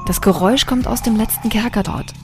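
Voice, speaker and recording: A woman's voice: mid-range voice, fairly quick, music in the background, lightly acted. A young woman playing a determined explorer in an audio drama, speaking urgently and often dropping to a whisper. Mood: tense determined. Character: young woman Amanda, brave leader in a haunted castle.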